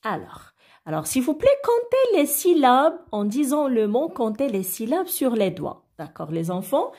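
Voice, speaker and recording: A woman teacher leads a reading lesson for small children. Her voice sits a little high and moves a lot, and she speaks unhurriedly, repeating each word slowly and deliberately so the class can follow. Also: huge pitch swings, warm tone. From Arabic-speaking country.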